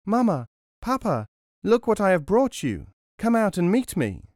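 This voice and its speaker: A man voicing a small, clever, cheeky boy who shouts in a high squeaky voice. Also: extremely slow, smooth, no room sound, clean studio sound. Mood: shouting.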